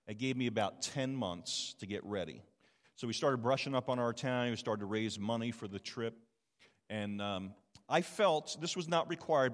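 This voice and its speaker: A man in his fifties giving a personal testimony sermon in a chatty, self-deprecating way, often checking in with the audience. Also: medium pitch. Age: 50s. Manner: conversational and self-deprecating, asks the audience "okay?". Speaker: preacher and missionary. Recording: long hall reverb.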